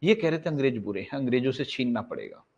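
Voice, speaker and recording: A man's voice: mid-range voice, expressive, quick pace, darkish tone. A male teacher giving an exam-prep history lesson in a casual way. He asks a question, answers it himself and repeats the key facts. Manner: casual, addresses students as bhai. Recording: slightly dull lo-fi sound.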